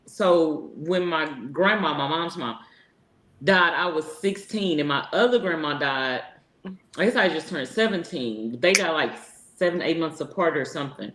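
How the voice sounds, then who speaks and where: A woman's voice: sits low, lively intonation, normal speed, fairly bright tone. Rambling woman in an echoey room. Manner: rambling storytelling with many restarts. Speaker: co-host. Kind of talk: casual chat. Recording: roomy echo.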